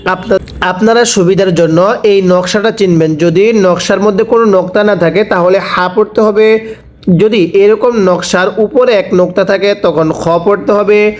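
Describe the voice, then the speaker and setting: A man teaching Quran reading, drawing out each letter sound slowly for the listener to repeat, then explaining quickly. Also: high-pitched. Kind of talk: slow drawn-out letter drills. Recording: dull lo-fi sound.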